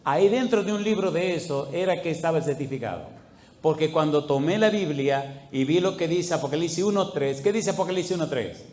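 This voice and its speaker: A male pastor preaching a sermon, firing questions at the congregation and swinging between loud appeals and hushed asides. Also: on the high side, animated, a little fast.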